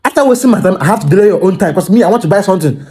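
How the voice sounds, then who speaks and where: Man, Nigerian accent, fast-talking, excitable, stumbling repetitions, phone selfie recording, small room. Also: high-pitched. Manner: excitable, repeats words and stumbles over phrases. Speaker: comedic storyteller. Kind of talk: comic storytelling monologue to camera. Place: small indoor room by a curtain. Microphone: phone camera held at arm's length.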